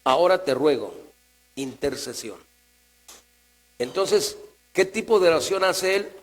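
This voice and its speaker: A man with a Mexican Spanish accent preaching a sermon as pastor, talking conversationally and swinging from quiet asides to raised, emphatic lines. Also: on the high side, lively intonation, unhurried, rough recording. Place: church. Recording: mains hum in the background.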